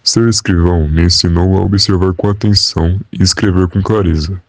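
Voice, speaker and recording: A young man playing a calm, proud Portuguese royal scribe, recounting in a measured, formal way on a school podcast. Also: low voice, no room sound. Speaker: interviewee. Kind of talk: school podcast role-play.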